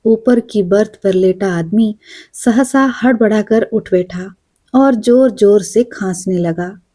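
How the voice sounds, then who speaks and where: Slow, mellow woman storyteller. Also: medium pitch. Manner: slow, measured and quiet. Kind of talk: audiobook narration of a short story.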